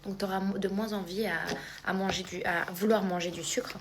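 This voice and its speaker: Influencer girl casually plugging stuff to her followers, chatty, mid pitch, noticeable background noise. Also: steady tone, brisk. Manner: chatty, informal, addressing followers directly. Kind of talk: casual product promotion to followers.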